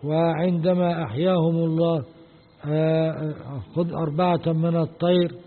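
An Egyptian man leads a religious lesson, speaking in a fairly high voice. He explains at a deliberate pace, asking his listeners questions and then answering them. The sound is thin and phone-like, with a long hall echo trailing behind his words. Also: level tone. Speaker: sheikh teaching a Quran commentary.

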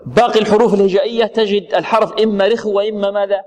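A man runs a tajweed lesson, firing questions at his students and supplying the answers himself. He talks in stops and restarts. His voice sits a little high and rings out in a hall with long reverb. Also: little pitch movement, rapid-fire, a little mellow. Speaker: Quran recitation teacher.

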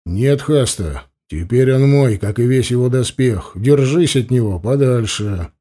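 A man's voice: medium pitch, animated, unhurried, warm tone. A man voicing a defiant teenage boy. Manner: sulky, defiant.

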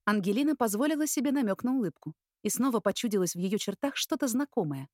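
A woman's voice: a little high, lively intonation, fast talker, no room sound. Woman narrating in a dry, close voice. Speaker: audiobook narrator. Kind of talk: scripted narration.

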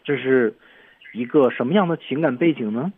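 A man's voice: mid-range voice, normal speed, phone-quality sound, a little hiss or hum. A man teaching English on a radio lesson, breaking down each English line by its stressed words and tones. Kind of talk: explaining film dialogue on a radio lesson. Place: radio studio.

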